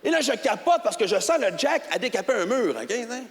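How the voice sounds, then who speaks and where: Lively Québécois comedian on a big stage. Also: male voice, very high-pitched, fairly quick, slight background noise. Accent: Québécois French. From Quebec. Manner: animated, colloquial, swings between mumbling and shouting. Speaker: stand-up comedian. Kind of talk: stand-up comedy storytelling. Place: large theatre stage with audience. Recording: hall reverb with audience ambience.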